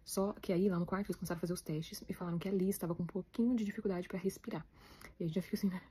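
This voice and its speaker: Rapid-talking Brazilian woman vlogger. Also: on the low side, steady tone, warm tone, a little hiss or hum. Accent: Brazilian Portuguese. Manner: rapid, chatty, emotional retelling. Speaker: vlogger, new mother. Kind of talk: casual storytelling to viewers.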